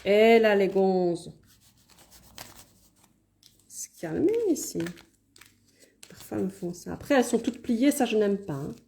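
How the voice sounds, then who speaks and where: Mellow-voiced woman with a Liège accent. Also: mid-range voice, expressive, measured pace, gravelly, pauses often, a little hiss or hum. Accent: Liège Belgian French. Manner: chatty, apologetic asides, reads viewer comments aloud. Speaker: card reader hosting a live stream. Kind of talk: casual live-stream card reading.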